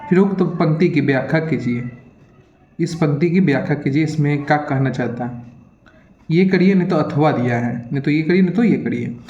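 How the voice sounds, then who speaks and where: A man's voice: fairly high pitch, brisk, a little mellow, a little hiss or hum. A male teacher hurriedly reading exam questions aloud and explaining the answers to students, often checking in with them. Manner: repetitive, keeps checking in with "theek hai". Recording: echoey room, dull lo-fi sound.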